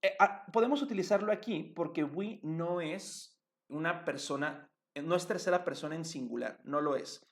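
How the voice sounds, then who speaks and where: A man's voice: on the high side, normal speed. A man, teaching English grammar and stopping often to check that his students follow. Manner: patient, checks understanding with tag questions. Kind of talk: explaining grammar at a board.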